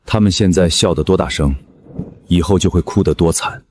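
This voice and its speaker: A man's voice: sits low, brisk. A man voicing a principled farmer who talks firmly and steadily. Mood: resolute. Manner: firm, steady. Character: stubborn farmer and machine operator, principled. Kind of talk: drama voice acting.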